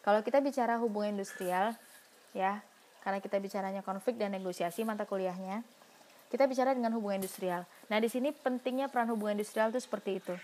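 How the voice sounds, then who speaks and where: A woman's voice: mid-range voice, fast, a little mellow. Woman lecturing, rhetorical questions, faint noise. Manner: explanatory, rhetorical questions answered herself, frequent fillers. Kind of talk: recorded university lecture.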